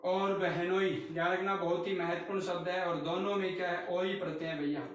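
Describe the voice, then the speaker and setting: In a Hindi grammar class, a man repeats each word and drills his students with quiz questions as he goes. His voice sits high and sounds flat, at a fairly quick pace, and the mic is far off in a very echoey room.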